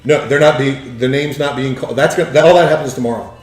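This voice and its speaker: A man's voice: mid-range voice, fast. A man running a tabletop role-playing game, narrating scenes and answering players as game master. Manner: clears throat often. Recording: roomy echo, faint music behind. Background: faint music.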